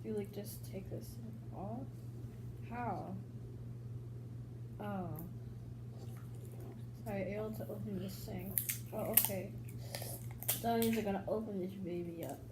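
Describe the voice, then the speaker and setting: A woman's voice: medium pitch, fairly even intonation, a little slow, long pauses. A young girl chatting casually to camera, her speech slurred by a numb mouth after a tooth extraction. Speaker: young vlogger unboxing toys. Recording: echoey room with loud noise.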